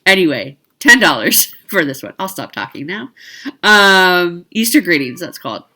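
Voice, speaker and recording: A woman's voice: fairly low pitch, very animated, normal speed, bright, forceful tone. A woman casually presenting products as a video host, chatty and informal, often correcting herself and adding asides. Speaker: host of a needlework shopping video. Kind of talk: casual product showcase narration.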